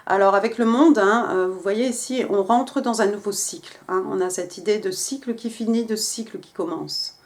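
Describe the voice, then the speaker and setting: A woman's voice: mid-range voice, normal speed, hardly any pauses. A woman giving a casual tarot reading, talking with many hesitations and restarts. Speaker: tarot reader.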